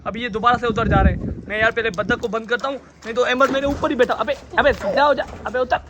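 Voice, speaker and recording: A man's voice: extremely high pitch, steady tone, quick pace, dull audio, background noise. A young man chatting casually in a pet vlog, coaxing and scolding a child while handling birds by the cages. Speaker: pet vlogger.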